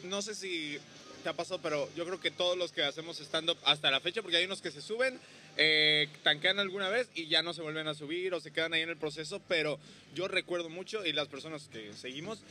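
A stand-up comedian from Veracruz with a Mexican accent hosts a casual podcast interview, keeping things easygoing and often jumping in with short replies. His voice is a little high, fairly quick, and pushed and bright, with soft music in the background.

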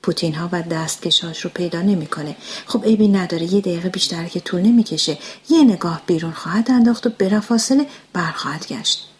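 A woman reading a short story aloud, often in a hushed, whispered voice. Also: lowish voice. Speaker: narrator. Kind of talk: storybook narration.

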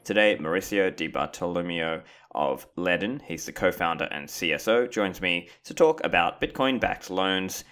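A man hosting a podcast, reading a scripted intro and sponsor messages in a steady, measured way, then interviewing a guest. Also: low voice. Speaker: podcast host.

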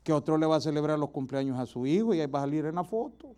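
A preacher man delivers a sermon, pressing his listeners with repeated rhetorical questions. His voice sits high for a man, yet it has a soft, mellow color. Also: expressive, very fast.

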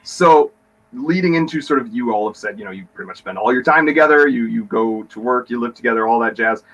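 A man's voice: medium pitch, fast, a bit bright, poor audio. Man hosting a podcast interview.

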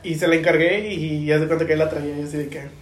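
A man's voice: fairly high pitch, quick pace, roomy sound. A young Mexican man chatting casually, animatedly telling stories and acting out the voices of the people in them. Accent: Mexican Spanish. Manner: animated storyteller acting out quotes, laughing often. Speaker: podcast co-host. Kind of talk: casual chat.

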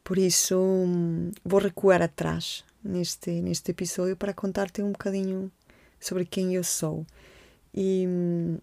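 Female podcast host, 40s, low gravelly voice, flat intonation, soft personal storytelling. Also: takes it slowly, no echo. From Colombia. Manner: gentle, reflective, with frequent hesitations and repeated words.

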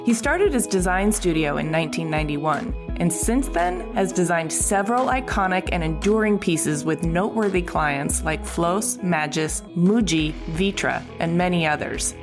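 A woman's voice: lowish voice, animated, moderate pace, few pauses, over music. A woman host reading an introduction and asking interview questions. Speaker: podcast host.

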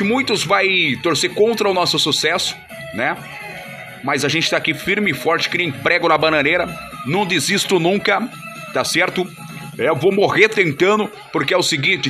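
A man hosting a casual show, slangy and full of fillers like "meu" and "mano," with sponsor shout-outs. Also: a little high, normal speed. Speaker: radio-style host. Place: studio. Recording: music playing clearly behind.

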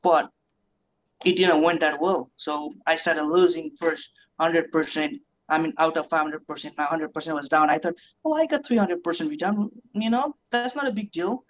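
A man from Nepal, a guest investor on a podcast, tells his story in a casual, rambling way and often repeats words. His voice is on the high side, steady in tone and at normal speed, and the muffled lo-fi audio carries a little hiss or hum.

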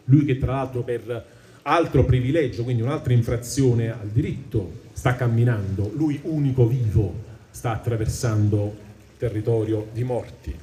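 Italian-accented man, lecture with dramatic verse reading, mellow voice, roomy hall sound. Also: medium pitch, slight background noise. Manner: reads verses slowly and emphatically, then explains in casual speech. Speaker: speaker at a public talk. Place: hall at a public event.

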